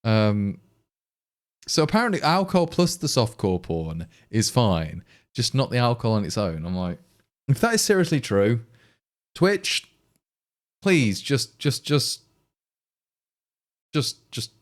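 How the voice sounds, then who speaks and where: In a sing-song, medium-pitched voice, an English livestream programmer with an East Midlands accent talks slowly to viewers, pausing often. He chats casually but rambles, sounds exasperated, and restarts many times.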